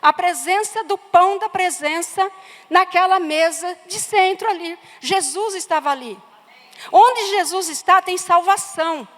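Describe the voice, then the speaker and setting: A woman's voice: very high voice, a little slow, fairly bright tone. A woman with a Brazilian Portuguese accent preaching a sermon, telling a personal story with emphatic repetitions. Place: church sanctuary. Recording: church hall reverb.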